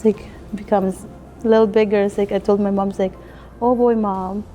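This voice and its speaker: Middle-aged woman, Filipino accent, mellow voice, earnest and quick to laugh; soft music bed. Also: mid-range voice, flat delivery. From Philippines. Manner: earnest, laughs often, nonstandard English grammar. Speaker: restaurant owner and chef. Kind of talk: casual interview talk.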